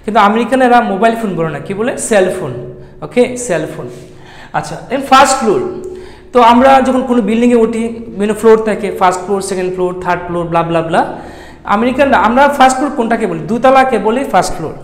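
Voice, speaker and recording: A male lecturer, giving a classroom English lesson. He keeps asking the class questions and answering them himself, and he spells words out slowly. His voice rings through a roomy hall with a long reverb. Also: high voice, animated. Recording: echoey room with long reverb.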